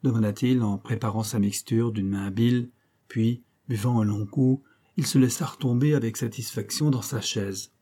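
Un homme lisant un roman classique en narration posée et régulière. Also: male voice, medium pitch, steady tone, normal speed, dark tone. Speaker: audiobook reader. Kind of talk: scripted narration of a classic novel.

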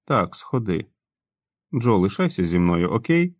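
Reader doing a careful man, slow probing questions, low voice. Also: big pitch swings, dry recording, clean studio sound. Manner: slow, gentle questioning with pauses.

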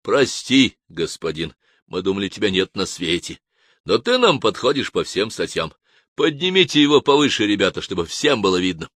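A man reading an audiobook voices a young, hot-headed army sergeant who shouts and stirs up the crowd. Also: lowish voice, very animated, normal speed, no echo, clean studio sound. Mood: apologetic. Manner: shouting and rabble-rousing. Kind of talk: audiobook character voice.

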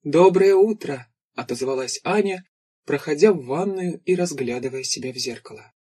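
A man reading an audiobook in steady, measured scripted narration. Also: medium pitch, slightly rough.

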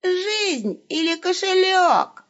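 A scheming male wolf from a storybook hisses and gloats in a high, hammy voice, as a woman reads him. The recording sounds a little dull and muffled. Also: very animated, drawn-out words, fairly bright tone, full character voice. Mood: fake robber screech.

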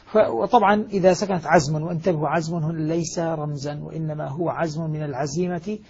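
A middle-aged male scholar explains recitation rules at a rapid clip, leaning hard on each example word. His voice is mellow and husky. The audio is muffled and lo-fi. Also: fairly even intonation. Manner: emphatic, stresses quoted words with rising pitch. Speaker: Quranic recitation scholar teaching.

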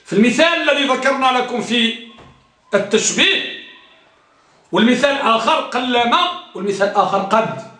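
A man's voice: extremely high pitch, expressive, moderate pace, pauses often, sharp tone, echoey room. A man teaching a grammar lesson to a class, drilling his students with repeated examples and questions.

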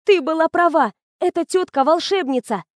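A woman's voice: very high voice, moderate pace, no room sound, studio quality, voice pushed up. A woman reading the lines of a shy, smitten young woman student in an audiobook. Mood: excited. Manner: bashful, flustered, excited.

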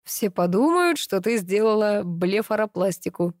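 A woman's voice: a little high, fairly quick, a little mellow, no echo, studio quality, voice pushed up, natural voice. A woman voicing a mocking young man. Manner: mocking, ironic. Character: sarcastic young man, a teasing brother. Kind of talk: audiobook reading.

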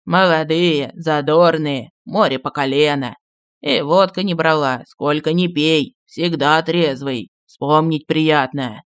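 Мужчина-чтец аудиокниги озвучивает старого маршала в отставке, неторопливого и ворчливого, который вспоминает былое. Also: male voice, smooth, no echo, natural voice. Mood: reminiscing. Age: older. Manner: slow, low, grumbling reminiscence. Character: old retired marshal, gruff, nostalgic, secretive.

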